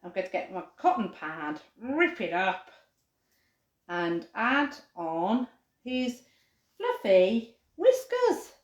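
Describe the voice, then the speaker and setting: Woman in her forties, playgroup leader, playful and giggly, lively sing-song pitch, unhurried, roomy echo. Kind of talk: children's craft demo and storybook reading, livestreamed.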